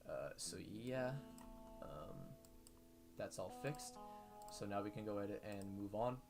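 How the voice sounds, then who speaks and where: A man talking through a casual coding tutorial, halting with many fillers and self-corrections. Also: on the low side, expressive, vocal fry. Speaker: modding tutorial host. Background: background music.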